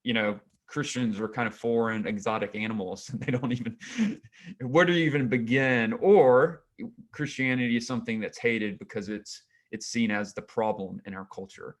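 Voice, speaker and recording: A man's voice: medium pitch, fairly even intonation, normal speed. A man speaking as a guest author on a video call, reflective and searching for words, his voice choppy with word endings clipped off as the connection drops in and out. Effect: choppy internet audio cutting in and out, words clipped off. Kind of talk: interview answer over a video call.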